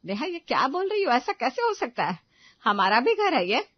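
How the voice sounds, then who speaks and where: A woman's voice: sits high, very animated, moderate pace, no echo, pitched above the performer's own voice. Give me a woman playing a worried mother, pleading and hurt, on a muffled recording.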